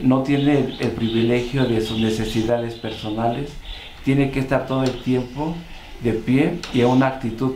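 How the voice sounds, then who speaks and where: A man with a Mexican accent, speaking in a measured, halting way in an interview. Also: medium pitch, roomy sound, background noise. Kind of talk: reflective interview talk.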